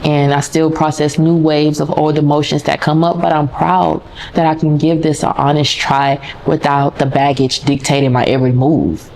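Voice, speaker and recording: A woman's voice: deep voice, little pitch movement, moderate pace, darkish tone. A woman podcast host telling a personal story in a candid, casual, conversational way, talking straight to her listeners.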